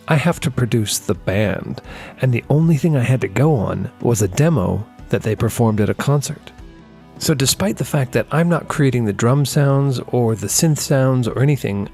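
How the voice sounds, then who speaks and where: A man's voice: mid-range voice, darkish tone. A man with a Northwestern United States accent, narrating his own music podcast as host and producer, explaining things with friendly asides.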